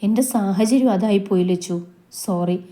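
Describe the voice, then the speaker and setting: A sorrowful young man, read by a woman narrator speaks softly and slowly. He sounds apologetic and subdued. The voice stays dark and mellow. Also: medium pitch, natural voice. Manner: soft, slow speech.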